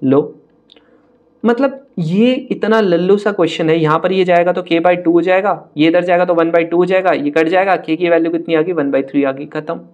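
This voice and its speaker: High-voiced chatty maths tutor, man. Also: fairly even intonation, darkish tone, muffled recording. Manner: brisk, chatty, addresses students directly, mocks hard-looking questions. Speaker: maths teacher. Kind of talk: online exam-prep lesson.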